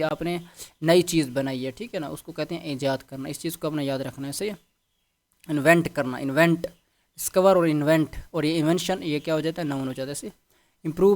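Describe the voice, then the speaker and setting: Fairly high-voiced man teaching vocabulary. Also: a little mellow. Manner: repeats words and checks with "theek hai"; spells words out letter by letter. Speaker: English teacher. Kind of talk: classroom vocabulary lesson.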